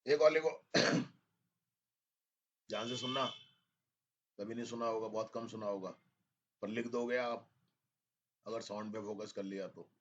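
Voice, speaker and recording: A man's voice: fairly low pitch, steady tone, unhurried, long pauses. A man teaching an English spelling dictation to a class. He spells words out letter by letter and teases the students a little. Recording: dull lo-fi classroom recording.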